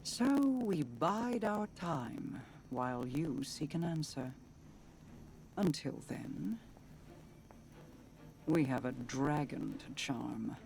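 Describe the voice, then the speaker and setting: A woman's voice: deep voice, lively intonation, gravelly, darkish tone, faint music behind, exaggerated voice. A woman playing a regal, wary queen in a video game, speaking in a formal, solemn, resolute way. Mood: resigned. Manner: measured, formal, grave. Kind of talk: scripted video game dialogue.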